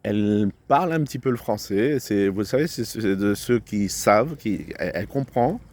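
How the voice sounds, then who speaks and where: A middle-aged man vlogging outdoors by a road, talking in a slow, halting way with many fillers and restarts. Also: lowish voice, expressive, a little mellow, slight background noise. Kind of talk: casual rambling vlog talk.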